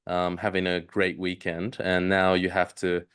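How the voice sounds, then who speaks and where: A man in his thirties with a low voice, raised in Australia, hosts a live online presentation. He talks in a hesitant way, filling his pauses with ums and uhs as he reads the chat. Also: monotone, fairly bright tone, clear, resonant tone. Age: 30s. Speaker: webinar presenter.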